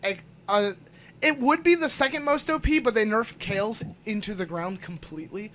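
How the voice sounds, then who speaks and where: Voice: mid-range voice, moderate pace, a bit bright, slight background noise. A co-host chatting casually and jokingly about a video game with friends. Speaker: podcast co-host. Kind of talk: casual gaming commentary chat.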